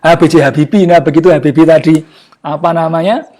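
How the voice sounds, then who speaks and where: Man, slightly high voice, casual online class talk, jokey, searching for words. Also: steady tone, a little fast, mellow, a little hiss or hum. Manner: chatty and jokey, often searching for words with fillers. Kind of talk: casual motivational talk to a live online audience.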